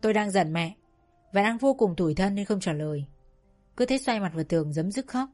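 A woman narrating a personal childhood story in a calm, reflective, confiding way. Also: mid-range voice, brisk, soft background music.

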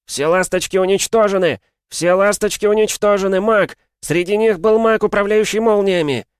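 A guy doing frantic young soldier screaming high and loud, dry sound. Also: normal speed, clear, resonant tone, no echo, close to an everyday voice. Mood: panicked. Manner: frantic shouting. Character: panicked young soldier running with bad news.

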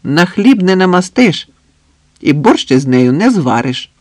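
A woman's voice: low voice, very animated, unhurried, a little mellow, no echo, voice pushed up, heavily acted. A man doing a bubbly, teasing young woman. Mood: excited. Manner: playful, bubbly, bossy banter. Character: cheerful teasing young woman, lively friend.

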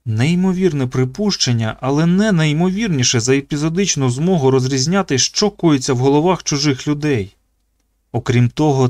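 A man reading an audiobook as its narrator, in an even, measured way. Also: medium pitch, no room sound. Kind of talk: scripted narration.

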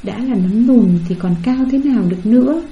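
A woman's voice: fairly high pitch, moderate pace, natural voice. A woman voicing a hurt young wife who sulks and blames herself, on a dull lo-fi recording. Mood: sulky. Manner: sulky and self-pitying. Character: hurt young wife, sulking and self-reproaching.

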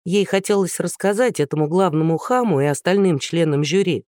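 A man narrating an audiobook in a steady storytelling manner with light irony. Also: high-pitched, brisk, no echo, clean studio sound. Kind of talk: scripted narration.

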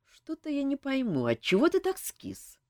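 A woman's voice: high-pitched, wildly swooping pitch, normal speed, dry recording, voice pushed up. A woman voicing a dry-witted man in charge who teases his friend. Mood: wry. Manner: wry, joking.

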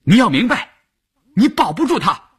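Man voicing a shrill accusing female cadre. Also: huge pitch swings, moderate pace, breathy edge, full character voice. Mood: yelling. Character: strident female cadre, middle-aged, accusing.

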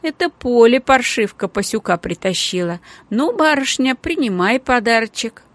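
A woman reading the part of a loud, blunt female household cook in an audiobook, scolding and plain-spoken. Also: on the high side, animated, moderate pace, dry recording, voice pushed up, natural voice. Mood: exclaiming.

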